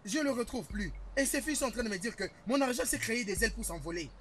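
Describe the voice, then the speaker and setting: A man's voice: very high-pitched, animated, racing, a bit bright, soft background music. A man playing a father who accuses his daughters of stealing his money, exasperated and sputtering, in a French-dubbed film. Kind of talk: Nollywood film dub in French.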